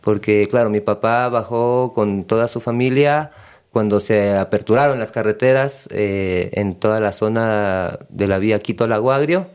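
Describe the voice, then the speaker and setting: A man with an Ecuadorian accent, a guest in an interview, speaking in a relaxed and hesitant way with many fillers. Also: lowish voice, moderate pace, clear, resonant tone. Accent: Ecuadorian Spanish. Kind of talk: casual interview.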